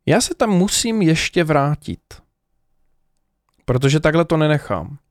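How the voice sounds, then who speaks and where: A man telling a personal story in a casual, animated way, with many hesitations and direct asides to the viewers. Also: on the high side, dry recording, clean studio sound.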